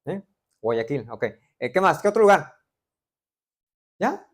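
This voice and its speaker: A middle-aged man preaching with a Veracruz Mexican Spanish accent, his voice sitting somewhat higher than most men's. He keeps the congregation involved, firing questions at them and dropping playful jokes between points. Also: big pitch swings, slow pace. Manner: interactive, quizzing the congregation with joking asides. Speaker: pastor. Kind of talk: sermon.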